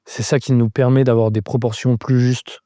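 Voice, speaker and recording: Mellow-voiced man teaching drawing live. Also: mid-range voice, little pitch movement, moderate pace, dry recording, clean studio sound. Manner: thinks aloud while drawing, explaining step by step; answers chat viewers casually. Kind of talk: live-stream drawing lesson.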